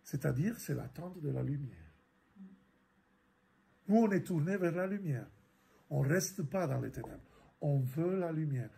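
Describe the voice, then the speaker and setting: A middle-aged man, a priest giving a catechism lesson, explaining scripture in a halting way with many repeated words and fillers. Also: a little high, lively intonation, creaky, mellow, a little hiss or hum.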